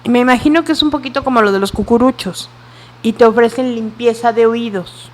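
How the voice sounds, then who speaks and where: A woman's voice: a little high, brisk. Chatty woman hosting. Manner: chatty, shares personal stories. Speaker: interview host. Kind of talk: interview questions and chat.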